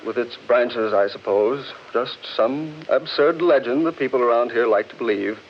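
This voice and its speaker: Man acting breezy gent, mid pitched, flippant skeptic, muffled vintage radio drama. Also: moderate pace, a little hiss or hum, natural voice. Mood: wry. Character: wry, sociable English gentleman Crane, breezily skeptical. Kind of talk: 1940s radio horror acting.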